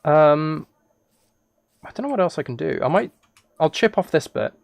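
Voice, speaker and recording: A man with a higher voice hosts a livestream, chatting playfully with viewers while gaming, animated but at a normal speed. He teases and rambles off into asides as he goes. The clear recording picks up keyboard typing and clicks.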